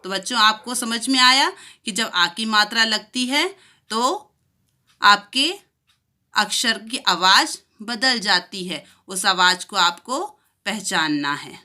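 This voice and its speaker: A woman teaching a children's lesson, slowly stretching out each sound so young pupils can repeat it after her. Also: mid-range voice, sharp tone. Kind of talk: primary school lesson.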